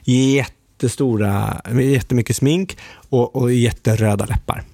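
A man's voice: mid-range voice, fairly even intonation, vocal fry, dark tone, no room sound. A man telling a casual anecdote in a rambling, self-interrupting way, often laughing at himself.

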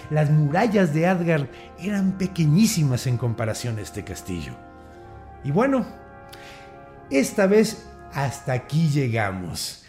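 A man with a Mexican accent, hosting a podcast and retelling a myth in a chatty, gossipy, animated way. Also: a little high. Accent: Mexican Spanish. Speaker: storyteller host. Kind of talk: casual storytelling podcast.

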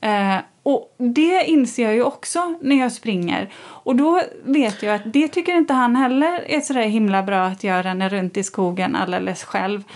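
Woman telling a story with animated flair. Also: on the high side. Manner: animated storytelling, acts out quoted lines. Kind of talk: casual chat.

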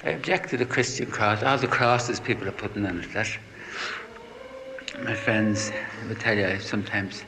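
A man giving blunt, opinionated answers in a casual interview. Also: fairly low pitch. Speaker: hill climber interviewee. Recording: noisy location recording.

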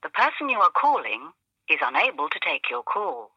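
A woman's voice: low voice, big pitch swings, normal speed, pushed and bright, breathy edge, no echo. Woman's voicemail prompt over a phone line. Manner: formal recorded prompt. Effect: heard over a phone line. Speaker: automated voicemail announcement.

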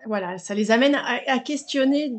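This middle-aged French woman, a mother and business founder, is a guest in a casual conversational interview. Her voice sits a little high and moves at a normal speed as she explains things steadily, using frequent fillers.

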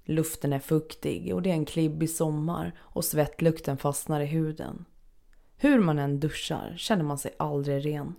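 Low gravelly woman narrating a story. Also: steady tone, mellow. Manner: measured, unhurried, somber. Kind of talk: first-person scripted narration.

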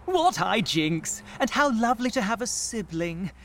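A woman's voice: mid-range voice, animated, measured pace, fairly bright tone. A woman voicing a genteel, overly polite documentary presenter with posh, old-fashioned phrasing. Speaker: documentary maker.

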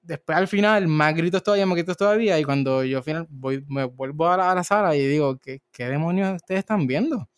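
Smooth-voiced man chatting about films. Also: on the high side, fast talker, few pauses, no room sound. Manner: rambling storyteller with many restarts. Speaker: podcast co-host. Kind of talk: casual film discussion.

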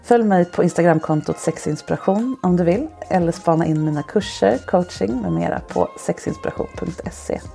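Low gravelly woman telling an intimate story. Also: lively intonation, faint music behind. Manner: slow, soft, intimate storytelling. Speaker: podcast host. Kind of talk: narrated erotic short story.

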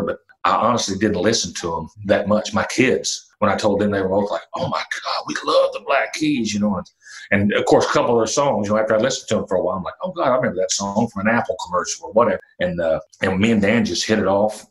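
A man of fifty talks about his music career in a casual interview. His voice sits very low. He rambles easily, with plenty of "uh" and "you know" and the odd mild curse. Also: low-quality recording. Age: 50s. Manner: relaxed storytelling with fillers and mild cursing. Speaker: country singer-songwriter.

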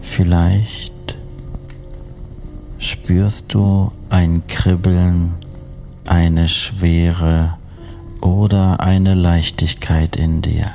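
A man speaking as a sleep story narrator and meditation guide, soothing and hypnotic, with long unhurried pauses. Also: low-pitched, little pitch movement, creaky, dark tone, faint music behind. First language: German.

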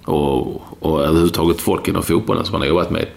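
Gravelly deep-voiced man. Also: steady tone, a little mellow. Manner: rambling, blunt, with many fillers. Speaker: podcast co-host. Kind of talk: casual football chat.

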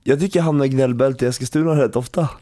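A man's voice: mid-range voice, mellow. A man chatting casually in a teasing, jokey way. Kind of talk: casual chat.

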